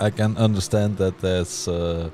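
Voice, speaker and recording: Deep-voiced man, hesitant commentary. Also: steady tone, unhurried, slight background noise. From Belgium. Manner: hesitant, many uhs, laughs softly. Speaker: sim racing commentator. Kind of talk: live race commentary and banter.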